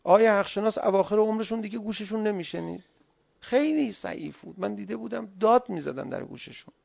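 Middle-aged man, sermon, pleading exclamatory delivery, gravelly, dull lo-fi recording. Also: high-pitched, lively intonation. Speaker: religious lecturer. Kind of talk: sermon-like religious talk.

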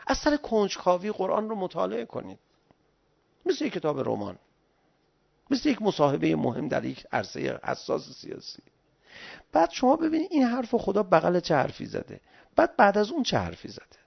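A middle-aged man giving an animated, pleading religious talk in the style of a sermon, recorded on dull lo-fi audio. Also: high voice, vocal fry, husky. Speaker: religious lecturer.

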